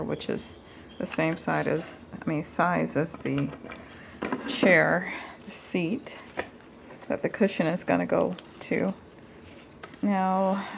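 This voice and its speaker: A woman's voice: fairly low pitch, creaky, a little hiss or hum. A woman giving a casual hands-on DIY demonstration to viewers, informal and thinking aloud as she goes. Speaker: DIY tutorial host.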